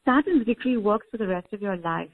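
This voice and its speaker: A woman co-hosting a spiritual call-in show, explaining teachings in calm, unhurried phrases. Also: medium pitch. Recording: tinny phone-like line.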